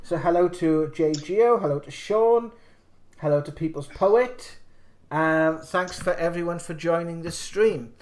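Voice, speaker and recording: A man with a South Wales accent co-hosting a live stream in casual chat, halting at times and repeating phrases for emphasis. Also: fairly high pitch.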